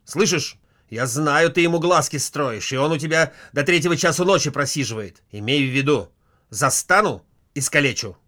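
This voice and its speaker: Brief: male reader doing a hot-tempered storybook husband, gruff and snappish. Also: on the high side, lively intonation, normal speed, bright, forceful tone. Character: irritable bossy husband, hot-tempered official.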